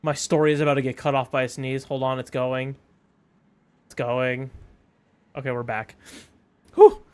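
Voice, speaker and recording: A man streaming a video game, chatting casually with animated, joking mock outrage. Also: medium pitch, moderate pace, clean tone.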